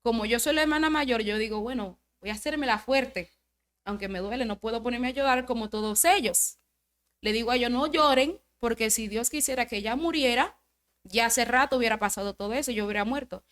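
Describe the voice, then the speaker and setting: A woman's voice: a little high, a little fast, a bit bright. Woman on a podcast telling her faith story, acts out what people said, repeats stuff a lot. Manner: storytelling, acts out quoted dialogue; repeats phrases for emphasis. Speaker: podcast guest giving testimony. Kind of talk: emotional religious testimony.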